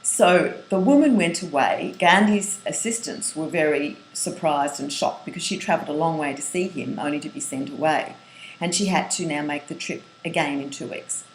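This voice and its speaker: A middle-aged woman coaching writers through an online lesson. She speaks earnestly in a low voice, lists her points one by one and often restarts phrases. The recording sounds roomy, with a faint hiss. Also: moderate pace. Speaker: writing coach. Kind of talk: webinar lesson.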